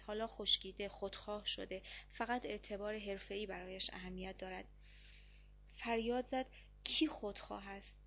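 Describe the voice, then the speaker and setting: A woman reading a dramatic first-person novel aloud as an audiobook narrator, expressive and measured. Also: mid-range voice, muffled recording.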